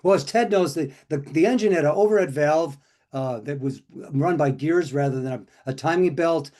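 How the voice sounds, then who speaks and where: A man's voice: a little high, normal speed, darkish tone. An older man co-hosting a casual chat, telling stories in a rambling way with many restarts and fillers. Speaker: co-host.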